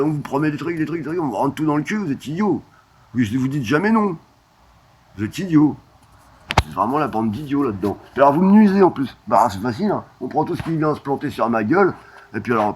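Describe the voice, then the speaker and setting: Husky man rambling crude monologue. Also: mid-range voice. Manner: disjointed, crude, lots of "hein" fillers.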